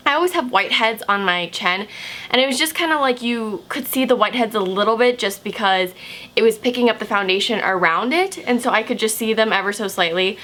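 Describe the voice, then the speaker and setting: Bright-voiced chatty young woman vlogger. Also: fairly high pitch, fairly quick. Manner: chatty, filler-heavy with many "like"s. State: slightly hoarse, just woken from a nap. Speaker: makeup vlogger. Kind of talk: casual video check-ins.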